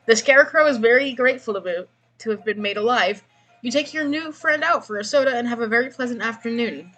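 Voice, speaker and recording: Brief: woman game narrator, husky tone, deadpan read-aloud, a touch higher voice. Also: quick pace, faint music behind, low-quality recording. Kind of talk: reading game text aloud.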